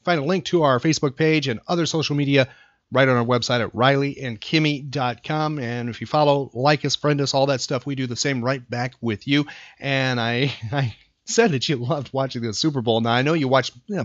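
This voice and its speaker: Hosting a casual studio talk show, an American podcaster speaks at normal speed with a medium pitch, emphatic and repeating phrases for effect. The sound is dry, slightly dull lo-fi.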